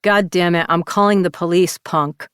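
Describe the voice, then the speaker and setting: Woman reading as gruff man, blunt, teasing, audiobook, low voice. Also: steady tone, moderate pace, a bit bright, no room sound, studio quality, lightly acted. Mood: grumpy. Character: gruff grumpy man woken early.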